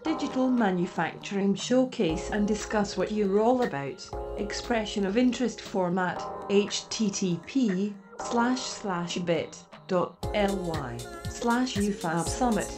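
A synthesized female robot voice reading out event details in a flat, even announcement manner. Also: mid-range voice, a little slow, hardly any pauses. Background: music.

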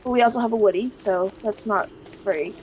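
A woman's voice: medium pitch, a little fast, darkish tone, a little hiss or hum, low-quality recording. A woman playing a co-op game, chatting, joking about herself and laying out plans. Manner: chatty, self-deprecating, plans strategy. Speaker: co-player. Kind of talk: casual gaming chat.

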